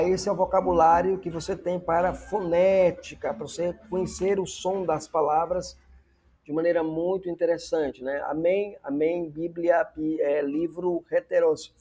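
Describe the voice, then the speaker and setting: A man with a Brazilian Portuguese accent teaching a Greek reading lesson, repeating each word slowly and explaining its pronunciation. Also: fairly high pitch, little pitch movement, darkish tone.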